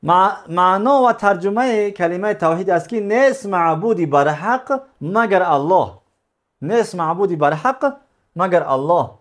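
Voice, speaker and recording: A man's voice: high voice, animated. A man teaching a religious lesson, explaining step by step, repeating key phrases and answering his own questions.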